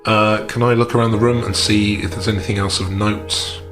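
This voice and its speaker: As a player in a tabletop roleplaying game, a man asks questions and describes things deliberately and methodically. His voice is on the low side, level and slightly bright, with faint music in the background.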